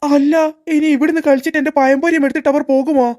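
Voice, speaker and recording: A woman's voice: high-pitched, little pitch movement, quick pace, a little mellow, no room sound, clean studio sound, natural voice. A woman voicing a greedy, sneaky middle-aged male school security guard who mutters fondly to his snack in a cartoon. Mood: fretful. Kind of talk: cartoon voice acting.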